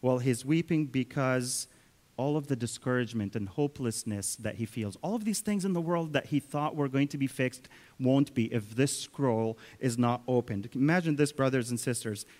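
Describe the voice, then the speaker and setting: A man's voice: medium pitch, normal speed, darkish tone. A man preaching a sermon in storytelling fashion, often turning to speak to the children. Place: church. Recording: long reverb of a church hall.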